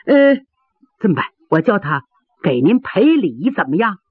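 A woman's voice: mid-range voice, very animated, normal speed, husky, no room sound. A woman storyteller voicing a fawning male gate officer who placates with smiles and scolds his men, on a dry, phone-like recording. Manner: obsequious, placating.

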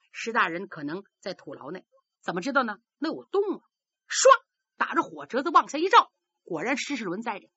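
High, lively woman storyteller. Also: no room sound, dull audio. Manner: vivid, with sound-effect words. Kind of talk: traditional oral storytelling.

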